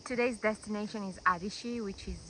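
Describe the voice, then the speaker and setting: Talking fast in a pushed, bright, mid-range voice, a young woman vlogs her mountain hike, at times out of breath, and chats with people along the way. She's chatty and amused by herself, recorded on an outdoor trail and at a guest house with a little hiss or hum.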